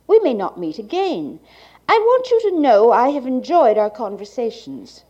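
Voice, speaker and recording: A woman's voice: on the high side, big pitch swings, moderate pace, warm tone, husky. Woman reading formal male tax inspector, old dull tape. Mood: formal, wistful. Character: formal, measured male French tax inspector, reserved and earnest. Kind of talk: literary story reading before an audience.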